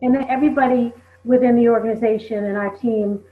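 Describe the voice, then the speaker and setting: A woman's voice: on the high side, fairly even intonation, fast. A woman leading a team recognition call, speaking conversationally and peppering her talk with "you know". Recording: tinny phone line.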